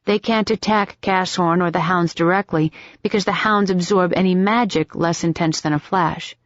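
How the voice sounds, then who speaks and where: A woman's voice: lowish voice, fairly even intonation, normal speed, no echo, close to an everyday voice. A woman voicing a spirited, stubborn young woman who talks in a wry, teasing and determined way. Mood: earnest. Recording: dull, dry audiobook recording.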